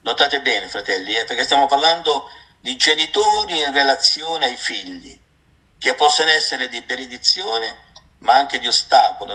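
A man preaching a sermon, reading scripture and addressing his listeners as brothers, with impassioned swings between raised exclamations and quiet asides. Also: mid-range voice, rough recording.

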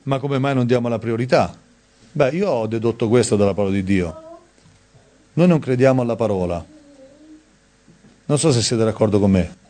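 A man preaching a sermon in a conversational way, reading scripture aloud and stressing key words with sudden high emphasis. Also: normal speed, pauses often, dark tone.

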